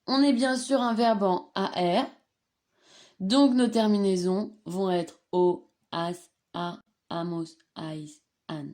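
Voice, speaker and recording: A woman's voice: medium pitch, slow pace, a little mellow. A woman teaching a slide-based grammar lesson, patiently repeating and stressing each conjugated form. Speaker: Spanish teacher.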